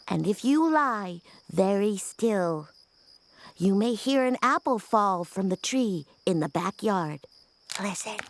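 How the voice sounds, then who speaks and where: A woman voicing a literal-minded female robot babysitter who speaks in stiff, programmed phrases and switches to a gentle voice to read a bedtime story. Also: fairly high pitch, a little hiss or hum. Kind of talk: reading a bedtime story aloud.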